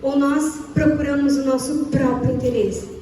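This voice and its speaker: A young Brazilian woman with a Brazilian Portuguese accent preaches a sermon, repeatedly questioning the congregation and acting out small dialogues. Her voice is high and warm, with a level tone and normal speed. It's captured from a distance in an echoey church hall, with slight background noise.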